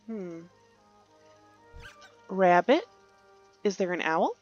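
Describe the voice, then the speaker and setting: A woman's voice: on the low side, very animated, drawn-out words, a little mellow, highs cut off, faint music behind. A woman giving casual, rambling commentary while playing a video game, musing aloud and correcting herself. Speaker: gaming youtuber.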